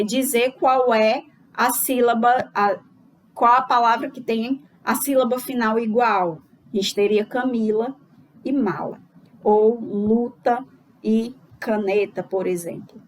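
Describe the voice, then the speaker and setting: A woman giving a recorded lesson to teachers, explaining step by step and checking in with the listener after each point. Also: a little high. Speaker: teacher trainer.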